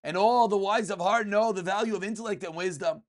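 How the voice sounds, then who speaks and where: High-pitched man teaching religious text. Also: fairly quick. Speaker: rabbi teaching a daily class. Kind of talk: religious text lesson, reading and translating. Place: small furnished room indoors.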